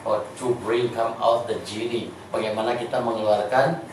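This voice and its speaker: A man's voice: fairly low pitch, fairly even intonation. Sundanese-accented man teaching in echoey room. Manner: repeats words, halting, chatty. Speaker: informal English teacher. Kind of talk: casual classroom teaching. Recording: echoey room, distant mic, faint noise.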